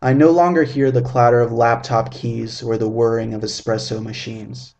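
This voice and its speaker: A man in his twenties reading his own first-person story aloud in a measured, vivid, descriptive way. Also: mid-range voice, fairly even intonation, vocal fry, a little mellow. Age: 20s.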